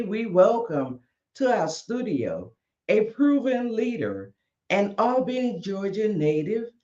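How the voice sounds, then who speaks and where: A man hosting an interview show, reading a formal introduction and questions slowly. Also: high-pitched, a little mellow. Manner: slow and formal. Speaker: host. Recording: dull, echoey room sound.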